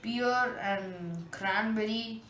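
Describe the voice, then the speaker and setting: A man's voice: high-pitched, drawn-out words, sharp tone. A boy, chatting casually and exclaiming as a co-host. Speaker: food challenge co-host. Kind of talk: casual chat. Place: small bare room indoors. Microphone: camera a short distance away. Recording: echoey room, faint hiss, distant camera mic.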